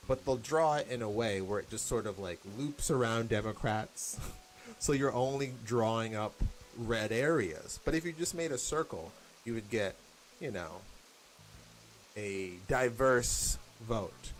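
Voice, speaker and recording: A man's voice: mid-range voice, lively intonation, unhurried. A young American man chatting casually and rambling while he plays a game, laughing now and then. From United States. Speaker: gaming vlogger.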